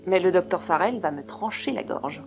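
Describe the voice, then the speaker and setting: A woman's voice: on the low side, lively intonation, normal speed, music in the background. A woman dubbing a caring woman doctor in a French film, protective and full of questions. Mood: concerned, teasing. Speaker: hospital doctor.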